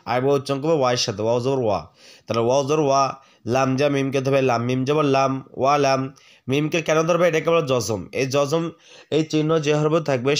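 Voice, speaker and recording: A man teaching the rules of Quran recitation, patiently spelling out each letter, asking the viewer questions and reciting words slowly for them to repeat. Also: mid-range voice. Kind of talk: tajweed lesson, spelling out letters and drawn-out recitation.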